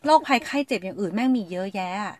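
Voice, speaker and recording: A woman's voice: medium pitch, animated, no echo. A woman chatting casually and frankly as a podcast host, swearing freely and acting out what others said. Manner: fast and chatty. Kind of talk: casual chat.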